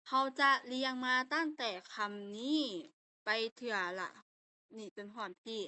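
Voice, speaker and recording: A woman's voice: a little high, measured pace, pushed and bright, dry recording. A young woman with a Lao accent, teaching an online language lesson and explaining step by step with patient fillers.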